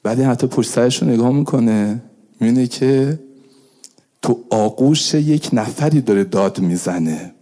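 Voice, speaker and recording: A man delivering a religious sermon, moving between quiet, intimate pleading and raised, fervent calls. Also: medium pitch. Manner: swings from hushed intimate pleading to raised cries. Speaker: preacher.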